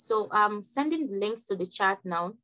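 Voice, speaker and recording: A young woman from Nigeria leading an online workshop class over a video call, talking quickly with frequent restarts. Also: mid-range voice, lively intonation, sharp tone, rough recording. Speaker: workshop instructor.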